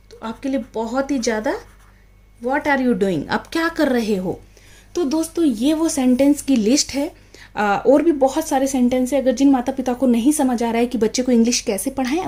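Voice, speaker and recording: Woman in her thirties, high voice, friendly tutor for parents, switches between Hindi and simple English, acts out a mother calling her child. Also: mellow. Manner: mixes Hindi with English phrases, addresses viewers as friends. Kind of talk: casual home lesson to parents.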